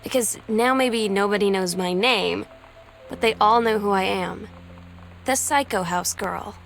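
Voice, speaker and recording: A woman's voice: medium pitch, unhurried, gravelly, fairly bright tone, faint music behind, rough recording. An actress voicing a sardonic teenage girl who confides in her older sister, in game voice-over narration. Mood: wry. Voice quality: sardonic, self-mocking.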